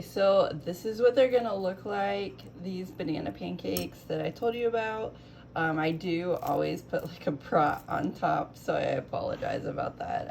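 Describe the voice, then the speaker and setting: A woman in a home kitchen, still carrying a rough morning voice, talking through a recipe in a relaxed, chatty way. Her voice sits low with a gravelly fry, and she takes her time, speaking slowly. A faint hiss of noise lies under the recording. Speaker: cooking vlogger. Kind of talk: casual kitchen vlog.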